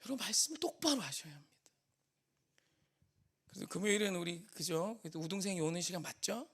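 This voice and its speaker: A man preaching a sermon as pastor, rising to shouts and dropping to soft near-whispers. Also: high-pitched, lively intonation, fast talker, husky.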